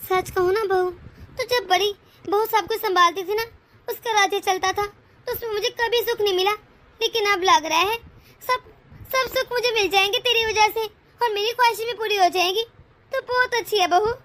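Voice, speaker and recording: A woman's voice: very high-pitched, moderate pace, fairly bright tone, slight background noise. A woman voicing an old, bossy mother-in-law in a cartoon, giving orders and scolding. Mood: pleased. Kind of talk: cartoon voice acting.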